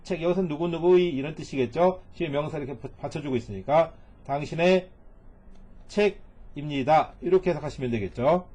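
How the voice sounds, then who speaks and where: A middle-aged male teacher with a slightly high voice delivers a recorded lesson on Japanese reading. He works through each sentence piece by piece, repeating phrases and translating them word by word in a patient, steady way. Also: a little fast.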